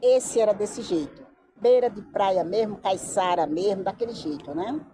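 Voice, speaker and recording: A woman's voice: mid-range voice, moderate pace. A woman from telling a story casually outdoors by the beach, acting out the voices she quotes. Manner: lively, acts out quoted voices. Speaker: vlogger.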